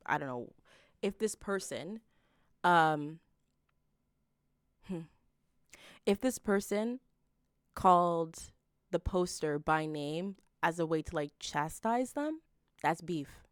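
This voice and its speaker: A woman's voice: on the low side, dry recording, studio quality. A woman streamer reading posts aloud and commenting casually, reacting with disbelief. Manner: unhurried, reacts with disbelief and exclamations.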